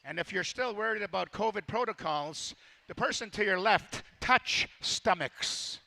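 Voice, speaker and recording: A man working as master of ceremonies, announcing live in a jovial, joking way with a gravelly voice. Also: high-pitched, moderate pace, pushed and bright.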